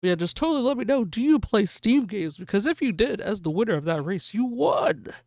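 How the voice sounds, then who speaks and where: A woman hosting a live gaming stream, excitedly calling a race like a sportscaster for her viewers. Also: mid-range voice, fairly quick, no echo, clean studio sound. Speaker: livestream host.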